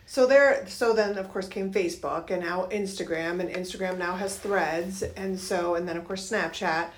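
A woman's voice: fairly low pitch, normal speed. A middle-aged woman with a nasal voice co-hosting a business podcast, who keeps the talk on track and affirms her partner. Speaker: podcast co-host, realtor. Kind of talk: casual chat.

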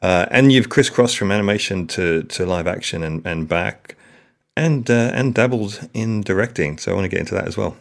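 A man hosting a podcast, introducing his guest and asking friendly, halting questions. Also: low-pitched, vocal fry. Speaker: podcast host. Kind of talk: podcast interview.

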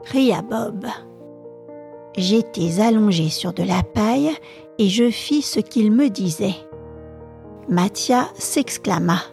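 A woman storyteller reading a classic novel aloud for a podcast in a calm, measured way. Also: medium pitch, creaky, soft background music.

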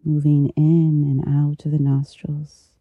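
A meditation teacher guiding relaxation gently, with a soft, intimate delivery right in the listener's ear. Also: mid-range voice, flat delivery, dry recording, phone-quality sound. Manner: slow, unhurried, gentle pauses. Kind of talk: guided meditation, soothing instruction.

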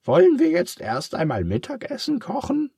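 A man voicing a clever, kind male pig who loves poems, in a high squeaky voice for a children's storybook reading. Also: wildly swooping pitch, normal speed, vocal fry, breathy edge, no echo, clean studio sound, exaggerated voice. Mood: comforting. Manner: high squeaky voice, gently exasperated.

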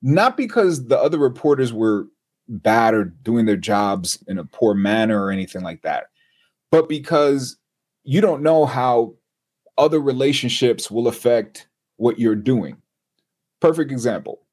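Husky-voiced male guest, animated raconteur acting out quotes. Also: medium pitch, unhurried. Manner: animated storyteller who acts out quotes. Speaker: guest, TV and radio personality. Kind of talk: storytelling in a podcast interview.

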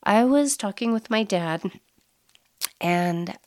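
A middle-aged woman hosting a casual solo podcast, effusive and upbeat with soft breathy asides, sounding nasal from allergies. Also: medium pitch, lively intonation, slow pace. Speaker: podcast host.

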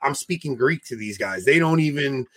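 A man of forty hosting a casual online talk show, excited and quick, with many restarts. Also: medium pitch. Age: 40s. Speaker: podcast host.

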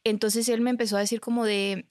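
This Mexican woman talks quickly in a fairly high voice that barely moves in pitch, with studio quality and no echo. Her Mexican Spanish accent comes through as she candidly shares her story in a casual podcast chat, frequently using "you know" and "I mean" along with "¿sabes?" and "o sea".

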